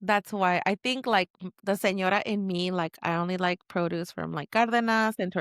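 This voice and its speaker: A woman's voice: fairly low pitch, moderate pace, clean tone, dry recording, studio quality. A woman in her thirties chatting on a podcast, telling stories and acting out what people said. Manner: animated storytelling, acts out quotes. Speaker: podcast co-host. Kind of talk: casual chat.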